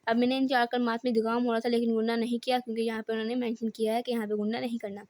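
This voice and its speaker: A woman with a Pakistani Urdu accent teaching Quran reading in a step-by-step lesson, patiently explaining rules and then reciting words slowly. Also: on the high side, flat delivery, darkish tone.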